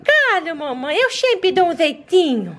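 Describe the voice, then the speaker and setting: A very high, squeaky baby-girl doll, as a Brazilian woman voices her, sassy and teasing in a homemade toy play video. She sounds jealous and cheeky, with a babyish Brazilian lilt. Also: sing-song, a little slow, fairly bright tone, slight background noise, heavily acted. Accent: Brazilian Portuguese.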